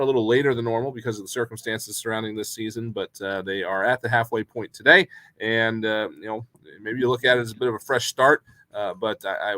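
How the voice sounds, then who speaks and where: A man's voice: on the low side, pushed and bright, no echo. A man hosting a hockey pregame show, chatting casually with many fillers. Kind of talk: casual sports chat.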